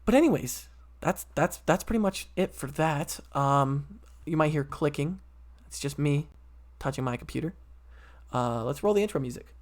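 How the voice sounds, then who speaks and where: A man's voice: fairly high pitch, expressive, normal speed. A young man in his late teens hosting a casual solo podcast from his computer, rambling with many fillers and restarts. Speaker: podcast host.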